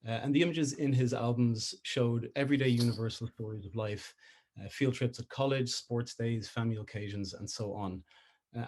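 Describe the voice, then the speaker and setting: A man from Ireland gives an academic talk over a video call. His voice sits at an ordinary middle pitch. He pauses often and fills the gaps with "uh" and "um". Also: a little mellow. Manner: hesitant, many filler sounds. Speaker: PhD researcher presenting. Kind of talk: academic conference presentation.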